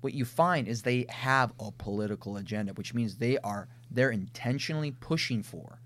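A man with a Minnesota accent talks through his ideas on a casual podcast at a middling pitch. He lays out his points in lists and often restarts as he thinks aloud. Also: moderate pace, a bit bright. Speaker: podcast co-host. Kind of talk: casual conversational podcast discussion.

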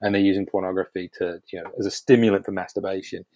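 Kiwi guy chatting on a podcast, lowish voice, dry close sound, blunt and swears a bit. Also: flat delivery, quick pace, a little mellow, no room sound. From New Zealand. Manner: frank, emphatic, swears casually. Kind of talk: casual conversational podcast chat.

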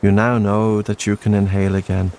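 Low-voiced man gently guiding relaxation. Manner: soft, soothing, unhurried delivery. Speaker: guided relaxation narrator. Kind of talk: slow guided breathing meditation for sleep. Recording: faint steady background noise. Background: soft green-noise ambience.

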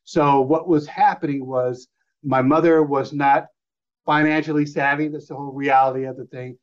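A middle-aged man, appearing as an interview guest, tells a personal story in a loose, rambling way, acting out old phone calls in different voices. His voice is a little high and steady in tone, at a moderate pace. The audio is slightly dull and lo-fi.

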